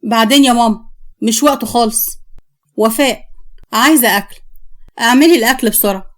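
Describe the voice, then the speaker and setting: A curt, impatient young Egyptian husband who brushes everyone off, voiced by a woman storyteller. Her high voice stays close to its own sound. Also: fairly quick, lightly acted. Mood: irritated. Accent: Egyptian Arabic.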